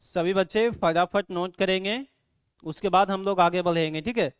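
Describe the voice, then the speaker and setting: Guy teaching an online class, kinda high voice, keeps asking the kids questions and sounds out syllables loud. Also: normal speed, smooth, no room sound, clean studio sound. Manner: repeats "ठीक है" and quizzes students constantly; drills syllables aloud, louder on examples. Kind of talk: online grammar lesson. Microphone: microphone.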